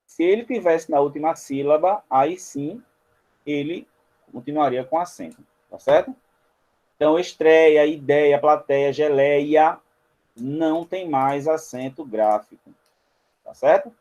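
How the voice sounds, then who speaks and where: A man's voice: on the high side, unhurried, long pauses, a little mellow, rough recording. A man teaching a spelling lesson at a board, walking viewers through each example step by step. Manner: explains step by step, often pointing things out to viewers.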